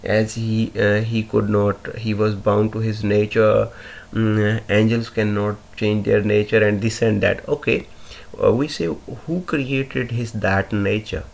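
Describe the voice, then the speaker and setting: Male teacher, low gravelly voice, slow and halting, talks through a poem's rhyme and meter. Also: steady tone. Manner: hesitant, many fillers and self-corrections. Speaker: literature teacher. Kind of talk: informal poetry analysis lesson.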